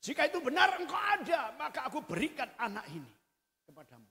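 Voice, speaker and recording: A man's voice: extremely high pitch, very animated, fairly quick, creaky, full character voice. A preacher voicing a desperate childless woman. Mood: pleading. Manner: loud, pleading, emphatic. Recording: echoey hall reverb.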